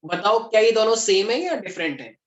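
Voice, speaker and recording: A man's voice: high voice, animated, fairly quick, lo-fi sound. Joking young male teacher, echoey classroom. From Delhi, India. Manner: joking, chatty, mixes English terms. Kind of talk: classroom lecture.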